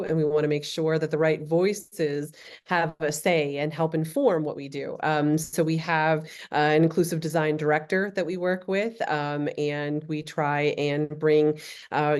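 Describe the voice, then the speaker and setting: Low, even-toned woman speaking as guest. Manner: measured, frequent ums. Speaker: accessibility director, guest. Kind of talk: conversational interview answers.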